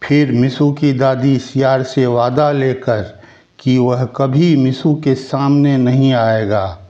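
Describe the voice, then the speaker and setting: A man tells a children's folk tale at a slow, measured pace. His voice is mellow and medium in pitch. The recording sounds slightly dull and lo-fi. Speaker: storyteller.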